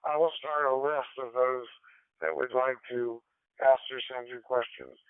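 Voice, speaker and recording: A man acting as net control on an amateur radio net. He speaks in a measured, courteous way with formal radio procedure and many fillers, heard through a radio transmission. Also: mid-range voice, fairly even intonation, smooth, no echo. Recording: tinny, dry radio-link audio.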